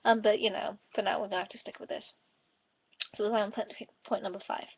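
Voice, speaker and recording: A woman's voice: medium pitch, flat delivery, quick pace, breathy edge, no room sound. Tired, rambling young-sounding woman vlogger. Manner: rambling, subdued and quieter than usual. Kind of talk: casual vlog chat to camera. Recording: dull lo-fi dry home recording.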